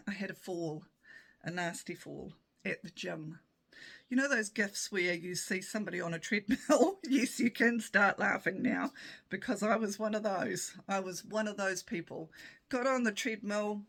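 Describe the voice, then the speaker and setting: Gravelly-voiced New woman, chatty. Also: fairly low pitch, a bit bright. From New Zealand. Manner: chatty, self-mocking, breaks into laughter. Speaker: podcast host. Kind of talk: casual chat.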